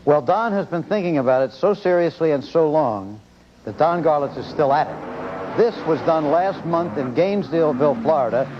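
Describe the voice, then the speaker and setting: A man hosting a sports broadcast, giving measured, reflective scripted narration. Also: a little high, animated, noisy background. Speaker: host narrator. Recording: dull lo-fi broadcast audio. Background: loud music bed.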